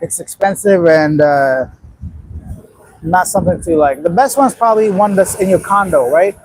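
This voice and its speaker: On a casual livestream, a late-thirties man from Afghanistan reacts to viewer comments in a blunt, rambling way. His high voice has a darkish tone and moderate pace, on a low-quality recording with slight background noise.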